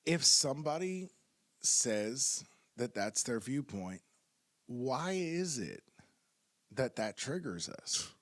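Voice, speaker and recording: A man's voice: mid-range voice, big pitch swings, takes it slowly, no echo. Reflective man in a dry podcast booth. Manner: reflective, easygoing, laughs at times. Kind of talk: casual podcast conversation.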